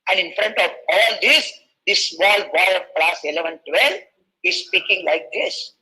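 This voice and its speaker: A man's voice: measured pace, rough recording. A man from India giving a webinar talk, telling a story and quoting each character in turn. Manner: animated, quoting characters in rising pitch. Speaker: webinar speaker. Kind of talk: storytelling lecture.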